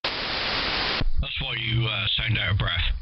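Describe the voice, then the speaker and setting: A laid-back ham radio operator who keeps his replies short. His lowish voice arrives through dull, muffled radio audio. Loud static and hiss sit over everything he says. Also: slow pace. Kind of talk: casual radio chat.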